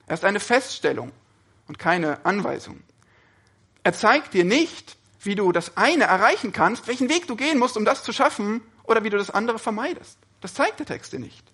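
A man's voice: high voice, expressive, moderate pace, bright, forceful tone, breathy edge. A man preaching a sermon, speaking earnestly and often putting questions to his listeners.

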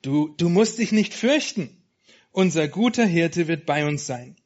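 A man's voice: a little high, lively intonation, measured pace. An upbeat female sheep reassures her friend in a lifted, encouraging voice, as a man voices her while reading aloud. She sounds kindly and sure. The sound is dull and lo-fi. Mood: reassuring. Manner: encouraging, warm.

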